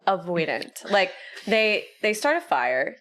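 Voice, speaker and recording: A woman's voice: mid-range voice, takes it slowly. A woman co-hosting a podcast, backing up her friend with supportive comments in casual chat. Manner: supportive, agreeing, lively commentary. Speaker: podcast co-host.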